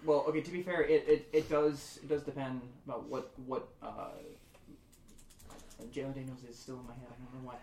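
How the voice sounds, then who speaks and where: A young man co-hosting a casual sports chat, quick to flare up in mock outrage. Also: mid-range voice, level tone, vocal fry, darkish tone, slight background noise. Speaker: co-host. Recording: echoey room, voice from off-mic.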